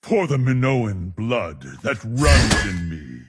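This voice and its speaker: An actor playing a proud, vengeful minotaur warrior in a video game, with emphatic, declamatory delivery. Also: male voice, lowish voice, big pitch swings, slow pace, heavy background noise, heavily acted. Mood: determined. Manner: emphatic, declamatory, bellowing battle cries. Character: proud raging minotaur warrior, vengeful hammer-wielding beast-man. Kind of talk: video game character voice lines.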